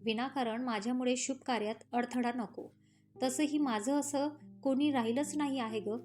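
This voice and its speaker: A hurt, feverish young man speaks in a weak, plaintive way, as a woman narrator voices him. The voice is mellow and somewhat high. Faint music runs under the storybook reading. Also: steady tone, normal speed, natural voice.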